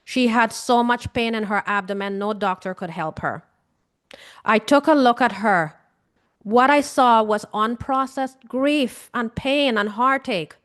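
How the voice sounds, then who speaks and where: Talking unhurriedly in a slightly high, fairly bright voice, a Guyanese-accented emotional healing coach speaks casually and earnestly straight to camera. She circles back over her points and asks her viewers questions.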